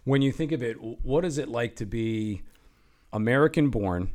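A man's voice: mid-range voice, expressive, moderate pace, a little mellow. Sports podcast host, male, loose and chatty, restarts mid-question. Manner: conversational, rambling questions with restarts. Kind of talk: casual interview questions.

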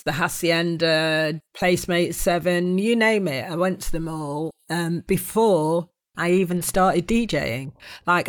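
A middle-aged woman with a Manchester accent telling her story as an interview guest, chatty and laughing often. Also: on the low side. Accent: Mancunian. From Manchester, England.

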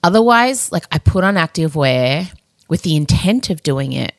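A woman's voice: low-pitched, expressive, normal speed, no echo. Female podcast host, Australian accent, candid and cheeky, effusive casual delivery, close dry home recording. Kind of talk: casual solo podcast chat.

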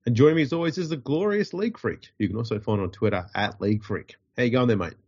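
A man's voice: medium pitch, expressive, fast, a little mellow, breathy edge, muffled recording. A man with an Australian accent and a nasal, stuffed-up voice from a runny nose, hosting a podcast in casual, dryly joking banter. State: getting over covid with a runny nose. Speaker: podcast host.

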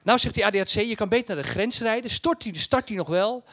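A man telling a casual anecdote in a colloquial, blunt and animated way, acting out bits as he goes. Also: high-pitched, fast talker, dry recording. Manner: acts out dialogue and sound effects. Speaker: storyteller recounting his travel experience.

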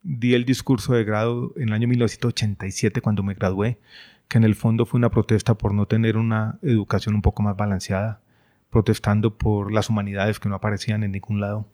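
Middle-aged guy, thoughtful, kinda low voice, lots of little pauses. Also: level tone, mellow. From Colombia. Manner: thoughtful, measured, with frequent hesitations. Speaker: interview guest. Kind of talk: reflective conversation.

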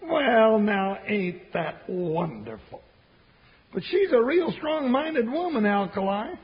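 An actor playing a folksy, jittery, good-hearted cowboy sidekick in a radio western, with an American Western drawl and a cracking voice. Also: male voice, sing-song, takes it slowly, full character voice. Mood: cheerful teasing. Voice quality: very high-pitched, cracking voice. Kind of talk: 1950s radio western acting. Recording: dull old radio recording.

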